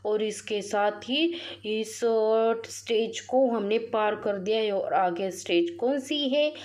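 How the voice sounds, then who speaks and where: A woman who hosts a gaming channel gives casual live commentary on the mobile game she's playing, talking with viewers as if they were friends. Her medium-pitched voice moves slowly. She is excitable and chatty, often crying out and repeating words when things go wrong.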